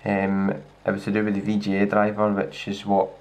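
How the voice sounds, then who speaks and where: This low, gravelly-voiced Scottish man is a tech reviewer doing a laid-back, hands-on laptop demo at an indoor wooden table. He talks fairly quickly, with plenty of fillers and restarts, captured by a handheld camera aimed at the screen.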